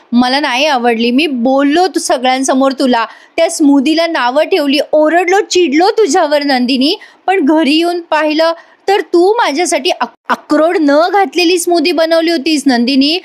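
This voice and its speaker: A woman's voice: high-pitched, normal speed, voice pushed up, close to an everyday voice. A woman reading the lines of an anxious, apologetic young husband in a voice-over retelling of a soap episode. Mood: remorseful.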